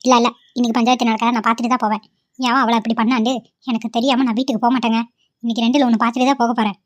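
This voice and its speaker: A woman voicing several village women in a cartoon, with quick, chatty banter. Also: fairly high pitch, flat delivery. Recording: dull lo-fi audio.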